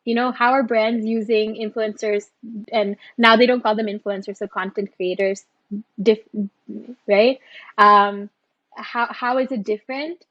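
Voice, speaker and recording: A woman's voice: a little high, fairly even intonation, a little slow, dry recording. A young woman from Bangladesh, a podcast guest speaking thoughtfully and casually, often restarting her sentences. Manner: thoughtful, frequent restarts and fillers. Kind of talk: casual interview conversation. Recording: dull, dry lo-fi sound.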